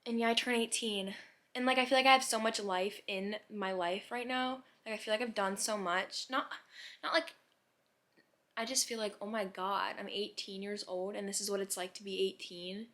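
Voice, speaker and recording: A vlogger of about eighteen chats to viewers in a medium-pitched, slightly bright voice with fairly even intonation at a normal speed. She rambles casually and reflectively, musing, questioning herself, and saying "like" a lot.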